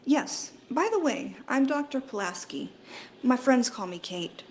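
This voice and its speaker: A woman's voice: high-pitched, lively intonation, a little slow. A woman playing a self-assured, forward starship doctor, matter-of-fact and knowing, in an amateur radio play.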